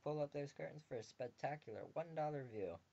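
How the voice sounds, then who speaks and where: This game video host has a slightly high, creaky voice with a warm tone, and he talks fairly quickly. Reading a visual novel aloud, he keeps narration and dialogue mostly plain but cracks jokes between passages. Faint background ambience runs under a dull, lo-fi home recording.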